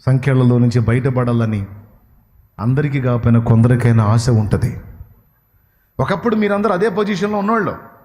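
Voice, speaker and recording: A man's voice: medium pitch, expressive, moderate pace, long pauses, a little mellow. A man preaching a sermon, impassioned and questioning his listeners, at times rising to pleading cries. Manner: asks the audience questions. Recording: long hall reverb.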